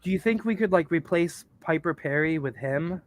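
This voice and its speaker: A man's voice: on the high side, lively intonation, normal speed, no echo. Rambling man on a casual podcast. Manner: rambling, fills with "uh" and "like". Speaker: podcast cast member. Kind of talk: casual chat.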